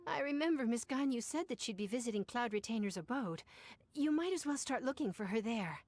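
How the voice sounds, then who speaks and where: A woman's voice: on the high side, expressive, fairly quick, darkish tone. A woman voicing an overworked young clerk in a game, weary and sighing. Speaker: game character.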